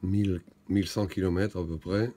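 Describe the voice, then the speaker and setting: Deep-voiced flat man over loud radio static. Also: fairly quick. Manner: matter-of-fact, reporting signal and position. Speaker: amateur radio operator commenting on the contact. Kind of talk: live technical commentary. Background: radio hiss and receiver clicks.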